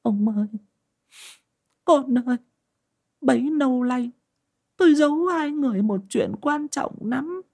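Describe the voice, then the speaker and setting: A woman's voice: sits high, expressive, unhurried, vocal fry, pauses often, dark tone, slightly rough, voice pushed up, full character voice. A man voicing an older village wife who was once a shaman, crying and pleading in a choked voice. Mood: tearful confession.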